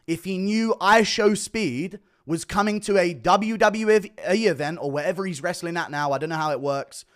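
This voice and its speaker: A man's voice: sits high, a bit bright. Emphatic man reacting to a clip. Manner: emphatic, repeats quoted lines, profane. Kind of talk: reaction commentary.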